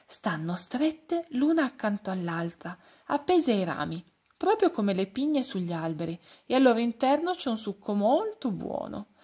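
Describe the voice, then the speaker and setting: A woman's voice: fairly high pitch, big pitch swings, normal speed, a little mellow, slightly rough. A woman voicing a well-travelled male finch who explains patiently, in a storybook reading.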